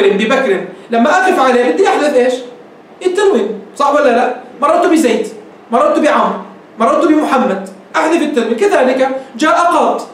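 High-voiced Levantine man teaching grammar. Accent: Levantine Arabic. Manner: explanatory, checks understanding with quick questions. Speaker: Islamic scholar teaching grammar. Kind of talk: classroom grammar lesson. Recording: echoey room, mic at a distance.

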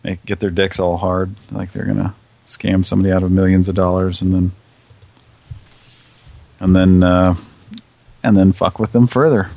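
A man hosts a live show and chats loosely, rambling with plenty of fillers and casual swearing. His voice is very low. The sound is dry and close. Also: little pitch movement, moderate pace, vocal fry, long pauses, darkish tone, no echo. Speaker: podcast host. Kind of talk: casual chat.

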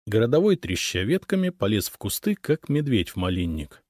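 A man's voice: fairly low pitch, sing-song, a little fast, a little mellow, no room sound, studio quality. A man reading a first-person story as an audiobook narrator.

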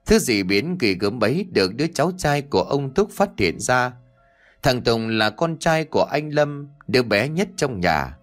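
A man narrating a horror audiobook in a dramatic, expressive way. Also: medium pitch. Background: faint music.

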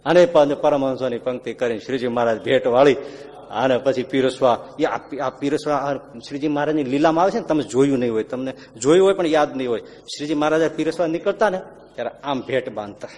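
A man giving a devotional sermon, telling stories animatedly and acting out the characters' lines with sudden loud and hushed swings. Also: medium pitch, brisk. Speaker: religious storyteller. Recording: long hall reverb.

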